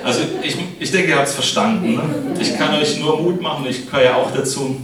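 Chatty preacher in an echoey hall. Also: male voice, medium pitch, a little fast, far from the mic, crowd noise. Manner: chatty, keeps adding "ne?" to address the congregation. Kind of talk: casual sermon.

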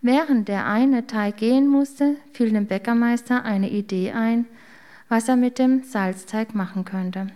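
A woman reading a children's story aloud in a calm, gentle way. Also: fairly high pitch, measured pace.

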